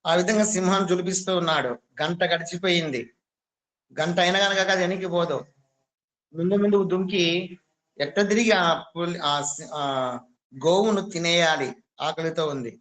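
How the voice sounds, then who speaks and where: A man's voice: high-pitched, moderate pace, pauses often, fairly bright tone. A man giving a devotional discourse, telling a story in a conversational way and quizzing his listeners as a spiritual teacher.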